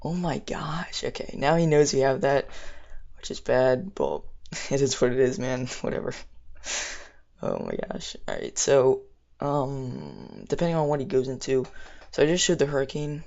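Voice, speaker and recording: Creaky young man commentating a game. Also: medium pitch, very animated, moderate pace, darkish tone, lo-fi sound. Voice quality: slightly impeded speech from orthodontic appliance in mouth. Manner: rambling, thinking aloud, slangy. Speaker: gamer narrating own battle. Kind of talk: casual live game commentary.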